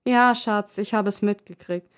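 A woman voicing an annoyed mother who scolds her children in a loud, raised voice. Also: medium pitch, moderate pace, clean tone, natural voice. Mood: scolding.

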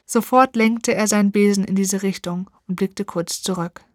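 A woman narrating a storybook in an expressive, dramatic reading. Her voice is mid-pitched and sounds dry and close, with no room around it. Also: moderate pace, no echo.

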